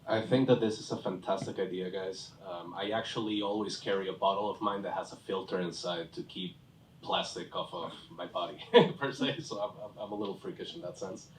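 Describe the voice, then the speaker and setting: A man with a very deep voice asks a rambling, enthusiastic question as a judge. He sounds far from the microphone in a reverberant hall. There is a faint room noise underneath. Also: brisk. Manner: enthusiastic, chatty, self-deprecating. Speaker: competition judge.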